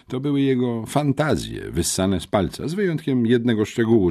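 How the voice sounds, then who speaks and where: An older man with a husky voice narrating an audiobook in an animated storytelling manner. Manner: animated storytelling, lively shifts in pitch. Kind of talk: scripted narration.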